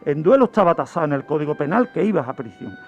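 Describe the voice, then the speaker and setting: This true-crime radio presenter speaks fast, in a fairly high and very animated voice, driving his story home with emphasis and deliberate repetition. Background music runs under the dull, lo-fi radio sound.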